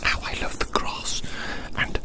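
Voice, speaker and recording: Outdoors, an ASMR performer speaks in a breathy, unvoiced whisper, musing softly to the listener. In this roleplay she is hushed and slow, gently repeating phrases.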